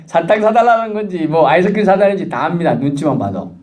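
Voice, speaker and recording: A middle-aged man preaching to his church with a lively, swooping voice. He sits a little higher than most men and jumps up into a childlike pleading tone when he acts out a kid calling for his dad. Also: fast. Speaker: pastor. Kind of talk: sermon.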